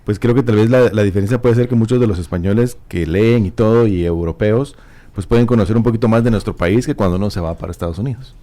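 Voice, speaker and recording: A man's voice: on the low side, fast talker, mellow. A man, co-hosting a morning show, chatting casually and restarting his phrases. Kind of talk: casual studio conversation.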